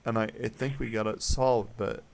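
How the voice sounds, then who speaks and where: A man's voice: lowish voice, steady tone, normal speed, gravelly, a little hiss or hum. A man making a prank phone call, rambling and apologizing in a flustered, mumbling way. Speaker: prank caller.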